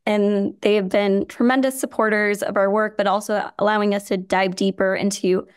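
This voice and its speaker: Answering a podcast interviewer, this Chicago-born woman, raised with Hindi and Gujarati, speaks as the founder of a nonprofit. She's earnest and steady, frequently using "you know," with a smooth, clear mid-range voice, level tone and moderate pace. The recording is close-miked and dry, with no room sound.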